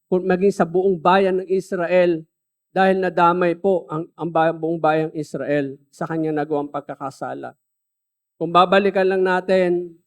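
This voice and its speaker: Earnest pastor, fairly high voice. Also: male voice, clear, resonant tone. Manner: earnest, mixes Tagalog and English, stresses key phrases slowly and loudly. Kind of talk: sermon with personal testimony.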